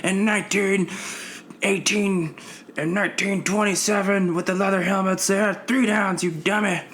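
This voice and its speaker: A man doing an irate, shrill football know-it-all. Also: fairly even intonation, normal speed, a little hiss or hum. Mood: indignant. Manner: shouting, scolding.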